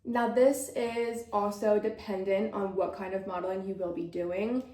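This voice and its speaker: A woman's voice: medium pitch, steady tone, moderate pace, dark tone. A young woman in her twenties, a model answering viewer questions in a bubbly, chatty way, laughing often and a little out of breath. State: slightly out of breath. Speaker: model and vlogger. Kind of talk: casual Q&A chat to camera. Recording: roomy echo.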